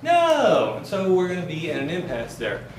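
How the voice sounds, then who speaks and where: Recorded from a far-off camera with no mic in sight, this fifties-aged lecturer teaches finance live at a university, chatting and asking the class questions he answers himself. His voice is high-pitched with wildly swooping pitch, delivered at a normal speed. The classroom sounds roomy, with faint background noise.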